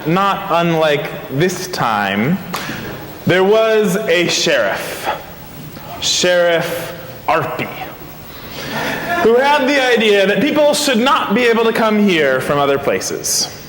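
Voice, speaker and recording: Male minister-storyteller, high voice, playful; recorded in a church hall with long reverb. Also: very animated, slow, background noise. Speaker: intern minister. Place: large church sanctuary.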